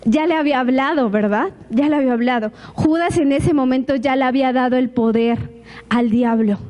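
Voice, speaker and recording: A woman pastor, preaching a lively sermon to her congregation with frequent rhetorical questions. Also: high-pitched, moderate pace, highs cut off, faint music behind.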